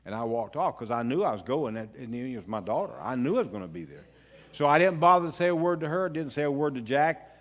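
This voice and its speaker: An older man, a pastor telling a family story in a folksy, unhurried way with pauses and restarts. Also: medium pitch, big pitch swings, fairly bright tone. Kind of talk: storytelling sermon. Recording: long church hall reverb.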